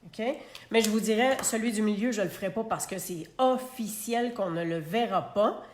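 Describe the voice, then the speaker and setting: A woman's voice: medium pitch, normal speed, echoey room, slight background noise. A woman with a Québécois French accent hosting a live card-making tutorial, chatting and talking to herself as she works, recorded on a phone held in a clamp. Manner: chatty, talks to herself while working.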